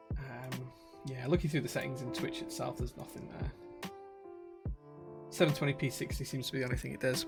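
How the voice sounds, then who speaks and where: A married adult man from Yorkshire, England, a streamer and keyboard builder, chats on a live stream from his workshop in a broad accent, reading viewer comments aloud. His mid-range voice has vocal fry, and he's friendly and chatty with many uhs and restarts.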